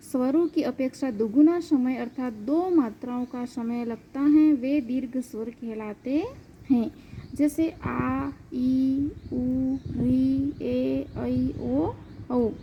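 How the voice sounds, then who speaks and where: Lady teacher going through a grammar lesson real slow, letter by letter, dull lo-fi recording. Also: high-pitched, warm tone, a little hiss or hum. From India. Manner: slow, deliberate, spells out letters one by one. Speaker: school teacher.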